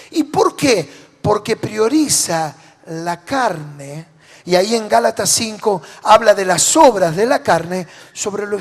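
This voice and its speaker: A man with a Rioplatense Spanish accent and a very high speaking voice delivers a sermon, questioning his congregation. He swings from loud declarations down to soft, low phrase endings. His voice carries a long reverb from a large church hall. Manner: preaching with rhetorical questions to the congregation. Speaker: pastor.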